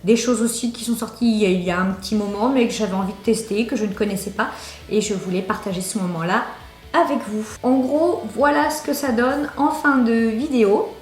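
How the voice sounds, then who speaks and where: An enthusiastic woman chats through a makeup review, talking right to her viewers in a fairly high voice. Her voice rings a little in an echoey room. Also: a little fast, faint music behind. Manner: chatty, enthusiastic, addresses viewers directly. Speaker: beauty vlogger. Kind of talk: casual makeup review vlog.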